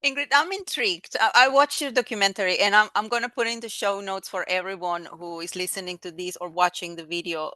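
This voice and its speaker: A woman from Mexico hosting an interview podcast, talking in an enthusiastic, animated way with small restarts. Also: medium pitch, a little fast, few pauses, no room sound. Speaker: podcast host.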